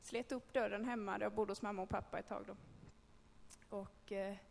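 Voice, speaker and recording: Woman sharing a personal testimony to a group, conversational and halting, gravelly tone, recorded in a reverberant hall. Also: medium pitch, steady tone, a little hiss or hum. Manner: candid, conversational storytelling with hesitations. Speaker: speaker telling a personal faith story.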